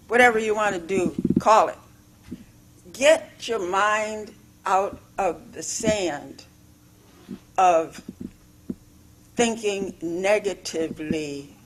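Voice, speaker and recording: A woman delivers a relaxed sermon at an unhurried pace, with a voice of middling pitch. She wanders from thought to thought, leaning hard on single words and repeating phrases for emphasis. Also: slight background noise. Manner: rambling, repetitive, emphatic. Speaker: spiritual living speaker. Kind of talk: informal sermon. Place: church sanctuary.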